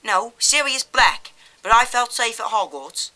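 A woman voicing an earnest young teen boy wizard who tells his story in an animated way. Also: medium pitch, moderate pace.

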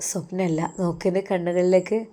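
A woman's voice: lowish voice, flat delivery, fairly quick, dark tone, lightly acted. Young husband, tender and teasing, malabar malayalam accent, read by a woman. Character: young religious-teacher husband, affectionate and teasing.

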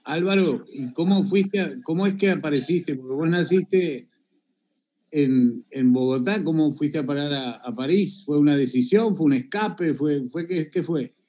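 Over a phone video call, a man hosts an interview in a jovial, teasing manner, asking questions using vos. His voice is on the high side with a darkish tone, and he keeps a measured pace.

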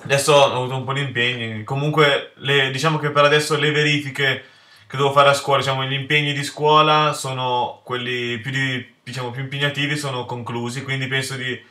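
A man's voice: mid-range voice, level tone, a little fast, sharp tone. A teenage boy from Italy hosting a gaming video, commentating while he plays, easily enraged and swearing at the game. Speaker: gaming channel host. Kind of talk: let's play commentary. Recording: echoey room, mic off to the side.

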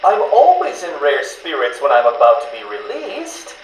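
The Riddler on cassette tape. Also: male voice, a little high, wildly swooping pitch, moderate pace. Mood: gloating. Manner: condescending, mocking, theatrical. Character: smug, arrogant adult male riddle-obsessed villain. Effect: played back from a cassette interview tape. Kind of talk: video game voice acting. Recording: roomy, faintly hissy tape recording.

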